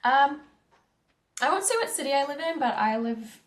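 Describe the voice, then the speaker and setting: A woman's voice: high voice, lively intonation, moderate pace, roomy sound. A young woman from Canada with a central Canadian accent, chatting casually with her viewers while playing a farming game. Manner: chatty, reads chat aloud, giggly asides. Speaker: streamer. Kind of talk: casual gameplay chat.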